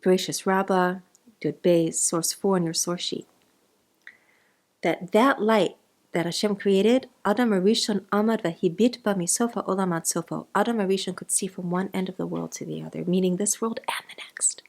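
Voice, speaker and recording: A woman's voice: mid-range voice, fairly even intonation, normal speed, vocal fry, darkish tone. A woman with a South African accent giving an informal Torah class, chatty and digressive, mixing in Hebrew terms. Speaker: Torah teacher.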